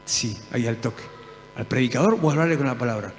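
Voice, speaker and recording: A man with an Argentine accent preaching a sermon in a church, telling stories lively and acting out the dialogue. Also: medium pitch, fast, a little hiss or hum. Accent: Argentine Spanish. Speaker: pastor. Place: church hall. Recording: long hall reverb.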